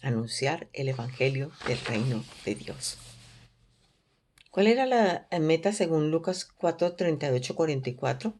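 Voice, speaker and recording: A woman with a notably low, deep voice leads a Bible study. She speaks in an earnest, measured way and keeps turning questions back to her listeners. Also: animated, noisy background.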